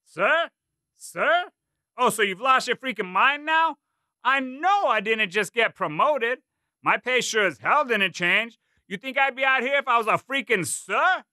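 A man voicing a gruff, stocky male Marine drill sergeant with a Brooklyn accent who barks profane, sarcastic orders. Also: very high voice, expressive, a little slow, bright, forceful tone, dry recording, voice pushed up, heavily acted. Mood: bellowing, sarcastic.

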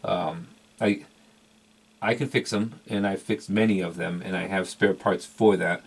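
A middle-aged collector of vintage electronics reviews a product off the cuff in a very low, heavily gravelly voice. He rambles a bit, hesitating and repeating words for emphasis in a relaxed hobbyist way. His tone stays steady and his pace measured, though the audio quality is poor.

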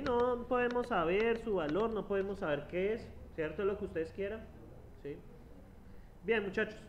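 A high-pitched man lectures his students in a classroom, talking in a chatty, teasing way and checking in with them constantly. The recording sounds dull and lo-fi, with a faint hum of noise behind him. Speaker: university lecturer. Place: university classroom.

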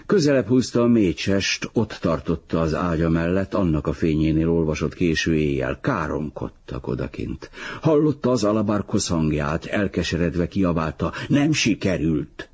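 Deep, very husky male audiobook narrator. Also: highs cut off. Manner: measured, even literary reading. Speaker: audiobook reader.

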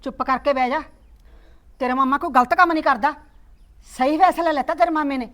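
A woman's voice: high voice, fairly quick. A woman with a Punjabi accent playing a stern middle-aged mother who scolds her daughter. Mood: scolding. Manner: sharp, dismissive, scolding. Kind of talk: village drama acting.

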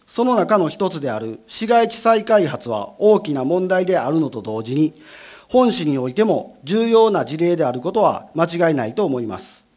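A man, a city council member, asking formal questions in a council session, measured with many filler pauses. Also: fairly high pitch.

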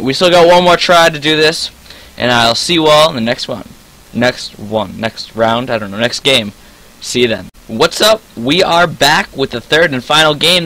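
Teen male gamer narrating his play, bright voice, easily frustrated, yelps and voice cracks. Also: a little high, poor audio. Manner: excitable, frustrated outbursts, voice cracks. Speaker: gaming channel host. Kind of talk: live gameplay commentary.

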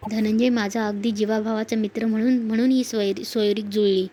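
Monotone woman recapping a serial. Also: on the high side, moderate pace. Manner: monotone, steady recounting with small restarts. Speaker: narrator retelling a TV serial episode. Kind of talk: storytelling recap.

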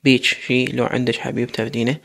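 A man's voice: mid-range voice, level tone, fast, vocal fry, fairly bright tone. A man with an Iraqi accent voicing a stern young man who questions and teases in a blunt, demanding way. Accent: Iraqi Arabic.

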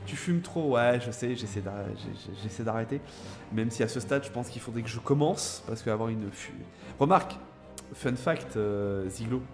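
A young adult man from France hosting a live gameplay stream, chatting hesitantly with viewers and answering them by name, with many filler pauses and restarts. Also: medium pitch, darkish tone. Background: background music.

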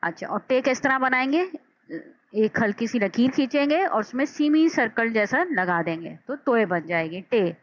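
Woman teacher slowly sounding out letters. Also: on the high side, animated. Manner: sounds out syllables slowly and deliberately. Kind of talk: slow step-by-step alphabet lesson. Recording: dull lo-fi dry recording.

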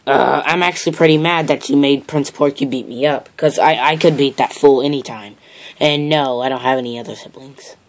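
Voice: mid-range voice, fairly quick, lightly acted. A performer voicing an irritable red bird leader in an improvised cartoon puppet show, grumbling casually and hesitantly. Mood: annoyed.

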